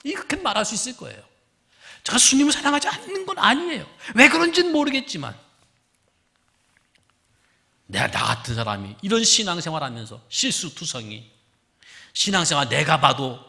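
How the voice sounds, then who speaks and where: Animated gravelly pastor preaching. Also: male voice, sits high, brisk. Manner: wide swings between loud emphasis and hushed, whispered lines. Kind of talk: sermon. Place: church sanctuary.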